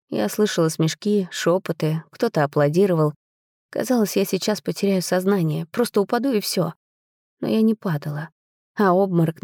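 A woman reads a first-person fantasy novel aloud with dramatic, measured pacing. Her voice is low-pitched and mellow. The recording is dry and close, with no room sound. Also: no echo. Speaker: audiobook narrator.

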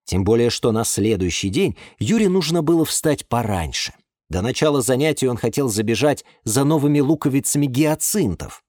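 A man narrating a children's storybook in an animated, expressive way, close to the mic. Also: mid-range voice, moderate pace, no echo.

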